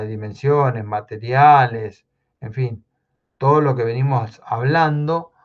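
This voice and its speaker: A man's voice: on the high side, a little mellow. Man lecturing over dull lo-fi audio. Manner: explanatory, checks in with frequent "¿sí?". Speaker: university lecturer. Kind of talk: technical lecture.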